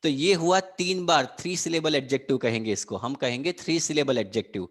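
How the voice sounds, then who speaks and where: A man's voice: mid-range voice, slow. A man with an Indian English accent giving an online lecture, mixing Hindi and English and drilling students on words. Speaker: English teacher.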